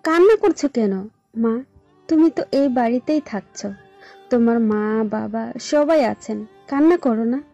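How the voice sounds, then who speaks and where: Brief: actress as kind middle-aged mother-in-law, mellow tender voice, soft music behind. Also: on the high side, animated, slow pace, muffled recording. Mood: soothing. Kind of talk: audio story drama. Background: soft background music.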